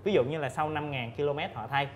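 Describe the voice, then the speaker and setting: A man in his thirties with a fairly high voice explains things patiently and in order, pausing often to fill gaps. He talks on a lapel mic in a studio, with a faint hum behind him. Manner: measured, explains step by step with many fillers. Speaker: lubricant expert guest. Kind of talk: explanatory panel talk. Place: indoor TV studio set.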